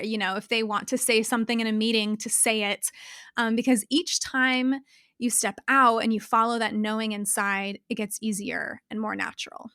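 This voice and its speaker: Woman guest, passionate and animated, bright tense voice, dry close sound, stumbles and restarts when excited. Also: a little high, smooth, dry recording. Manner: passionate, animated, laughs often; self-correcting restarts when worked up. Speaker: guest, fashion brand founder. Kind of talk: conversational podcast interview.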